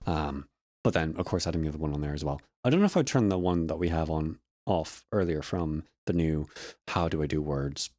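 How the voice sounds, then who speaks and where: A man's voice: a bass voice, a little fast, a little mellow, dry recording. A young man, an audio student, casually recapping a lecture in a rambling, self-correcting way into a close studio microphone. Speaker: audio student and vlog host. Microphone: close studio microphone with a compressor.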